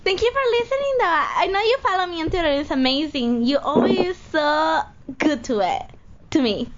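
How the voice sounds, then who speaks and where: High, giggly, flirty woman radio host. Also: animated, moderate pace. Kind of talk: raunchy radio call-in banter. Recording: dull lo-fi radio broadcast, faint hiss.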